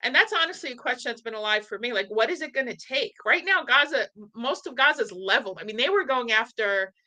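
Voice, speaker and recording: A woman from the Northeastern US hosting a podcast, talking in an animated, blunt way and swearing casually. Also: a little high, quick pace, low-quality recording. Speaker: podcast host. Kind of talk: casual conversation.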